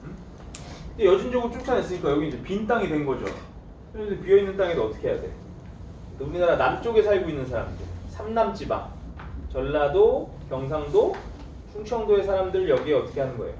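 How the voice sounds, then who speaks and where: A man with a slightly high, animated voice lectures a classroom, firing questions at his students and answering them himself. He teases them in a playful way. He is picked up from a distance in an echoey room with faint background noise. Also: fast talker. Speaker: history teacher.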